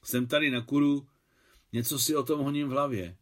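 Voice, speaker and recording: A man's voice: mid-range voice, steady tone, lightly acted. A man reading the lines of a reflective elderly man in his eighties, musing aloud in a sincere, earnest way.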